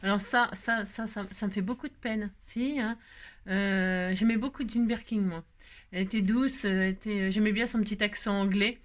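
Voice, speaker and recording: A woman's voice: medium pitch, steady tone, moderate pace. A woman hosting a crafting vlog, chatting to her viewers in a rambling, casual way full of fillers and self-interruptions. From France. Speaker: craft video host.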